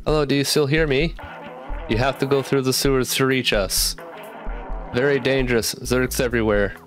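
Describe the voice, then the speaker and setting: A man's voice: medium pitch, steady tone, moderate pace, faint music behind, lightly acted. A man voicing a robot rebel leader calling over a radio, reading the lines plainly. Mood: urgent.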